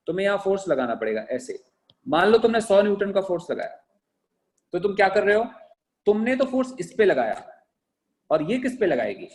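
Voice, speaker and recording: A man teaching a physics lecture. He asks the class questions and answers them himself, mixes in English terms, and slowly dictates sentences for notes. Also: sits high, big pitch swings, a little mellow.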